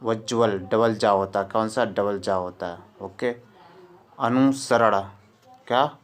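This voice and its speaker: Slow, low-voiced male teacher. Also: steady tone. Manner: drills words by repeating them and quizzing students. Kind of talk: exam-prep spelling lesson.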